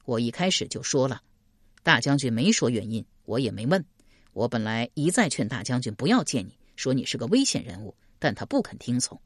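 A woman voicing an earnest young man who speaks softly and politely. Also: a bass voice, very animated, fairly quick, no echo, clean studio sound, pitched below the performer's own voice, heavily acted. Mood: gentle, earnest. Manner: soft and polite.

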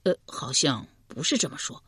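A woman's voice: low voice, big pitch swings, moderate pace, a bit bright, husky, no room sound, full character voice. A woman voicing a cheeky, uneducated male house servant who talks brashly and hurriedly. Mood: fumbling.

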